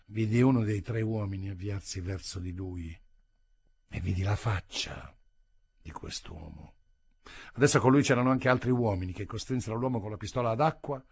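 A man reading a literary short story aloud in an expressive, dramatic manner. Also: fairly low pitch, slightly rough, no echo. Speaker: audiobook reader. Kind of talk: literary audiobook narration.

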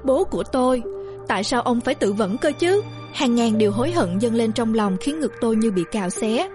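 A woman narrating a first-person story in a steady, somber reading voice. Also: fairly high pitch, brisk, soft background music.

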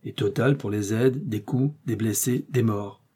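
A man's voice: on the low side, a little slow, warm tone, slightly rough. A man reading an audiobook, voicing a huge, lovesick Parisian tough guy who talks in emotional, pleading exclamations. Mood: confiding.

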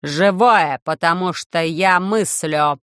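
A reader voicing a loud, harsh metallic robot ruler who speaks in slow, measured commands in an audiobook. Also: mid-range voice, smooth, dry recording, clean studio sound. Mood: cold commanding. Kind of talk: audiobook reading.

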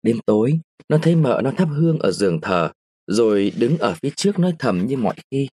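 Husky male audiobook narrator. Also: mid-range voice, fairly quick, dry recording, studio quality. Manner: expressive storytelling, shifting into character voices. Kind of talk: scripted short-story reading.

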